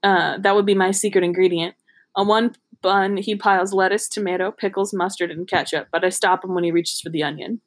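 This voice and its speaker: A woman of medium pitch and steady tone reads a novel aloud for her podcast, going a little fast. It's an informal, amateur reading, punctuated by giggles and interruptions to joke or comment.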